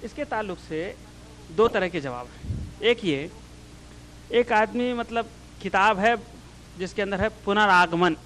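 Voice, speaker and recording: A man with a notably high-pitched voice lectures before an audience, explaining things earnestly. His delivery swells with emphatic rises as he answers questions from the floor. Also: measured pace, long pauses, sharp tone, a little hiss or hum, rough recording. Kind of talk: public religious talk.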